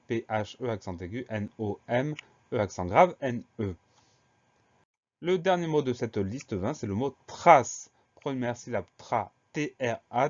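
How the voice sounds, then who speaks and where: A man teaching a spelling lesson to schoolchildren, spelling words out letter by letter in a slow, careful way. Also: fairly low pitch, darkish tone. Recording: slightly dull lo-fi sound.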